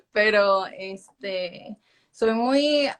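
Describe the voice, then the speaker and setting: A woman's voice: mid-range voice, fairly even intonation, a little slow. A woman in her twenties, a singer talking casually in an interview in Spanglish, dropping English filler words into her Spanish. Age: 20s. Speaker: urban music singer being interviewed.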